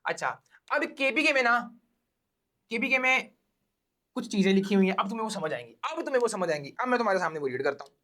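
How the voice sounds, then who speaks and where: A man's voice: sits high, animated, fast talker, long pauses, sharp tone. A man with a Pakistani accent giving a casual biology lecture to exam students, explaining step by step, repeating key points and checking that they follow.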